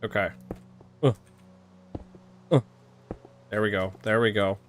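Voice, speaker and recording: A man's voice: lowish voice, slow, faint music behind. Chatty man live streaming a game. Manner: rambling and chatty, talking to viewers; laughs and trips over words often. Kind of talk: live-streamed gameplay chat.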